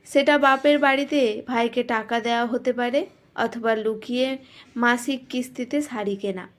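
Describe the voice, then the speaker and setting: A woman tells her own story aloud as a first-person narration. She sounds reflective and pokes fun at herself, and her voice sits fairly high. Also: normal speed. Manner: reflective and self-mocking.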